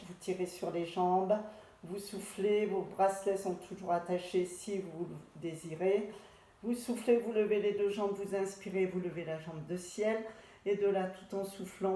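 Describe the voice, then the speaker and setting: A woman guides a pilates session at an unhurried pace, calling out each breath and movement in turn. Her voice rings in a very echoey room. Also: medium pitch. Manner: calm step-by-step cueing of breath and movement. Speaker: pilates instructor. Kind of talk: guided exercise class instruction.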